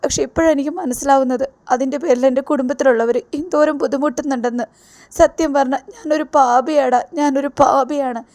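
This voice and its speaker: A woman's voice: high-pitched, steady tone, a little fast, a little mellow, voice pushed up, natural voice. A woman reading as a remorseful runaway brother.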